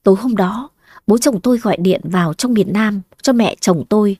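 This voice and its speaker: A woman telling a first-person family story, lively with dramatic exclamations. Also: mid-range voice, normal speed, husky, no room sound, clean studio sound.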